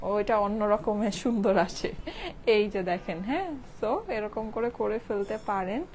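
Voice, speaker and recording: A Bangladeshi woman selling clothes on a live stream, chatty and a little hoarse from a cold, checking in with viewers after almost every line. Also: mid-range voice, steady tone, normal speed, darkish tone, a little hiss or hum. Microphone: phone with clip-on mic.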